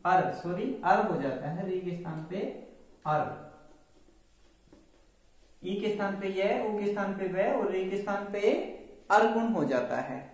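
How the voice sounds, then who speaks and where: A man's voice: high-pitched, expressive, unhurried, pauses often, recorded from a distance. A man teaching an online grammar class, explaining step by step and answering his own questions. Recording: echoey room, voice off-mic.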